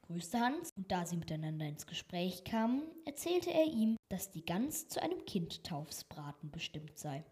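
A woman reading a fairy tale aloud in an expressive, lively storytelling manner. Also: on the low side, moderate pace, hardly any pauses, husky.

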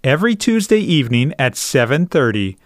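A man's voice: medium pitch, big pitch swings, a little fast, no room sound. A man hosting a radio call-in program from a studio, speaking in a formal, announcer-like way. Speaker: radio host.

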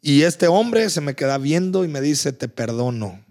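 Man, pastor in a relaxed faith chat, earnest storyteller, high-ish voice. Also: normal speed. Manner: earnest storytelling, repeats words when excited. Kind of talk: casual faith conversation.

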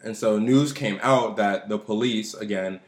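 A man's voice: on the low side, measured pace, reverberant. A man co-hosting a casual podcast, talking in emphatic slang and repeating his phrases. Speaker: podcast co-host.

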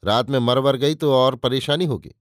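A man's voice: medium pitch, normal speed, no echo, clean studio sound, natural voice. A man voicing a flippant, heartless party guest who talks in a mocking, offhand way.

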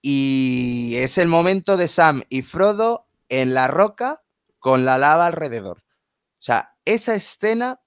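Animated man, dry sound. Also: on the high side, slow, smooth, no room sound. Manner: animated, emotional storytelling. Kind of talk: casual chat.

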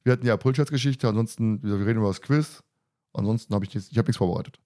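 Rapid-fire and warm, a fairly low male voice moderates a podcast conversation among co-hosts. He keeps it loose and colloquial, with a mildly crude edge.

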